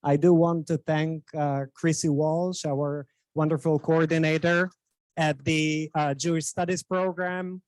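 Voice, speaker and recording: A man from Bulgaria, giving a formal introduction of a guest speaker, often pausing with fillers and restarts. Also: fairly high pitch, darkish tone, no echo. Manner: hesitant, with frequent fillers and restarts.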